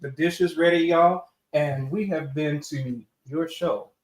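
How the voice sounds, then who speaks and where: A man serves up food he cooked as co-host, relaxed and homey. His voice is fairly high for a man. The room sounds echoey, with a faint hum of background noise. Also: measured pace. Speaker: cook and co-host. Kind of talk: casual chat while serving food.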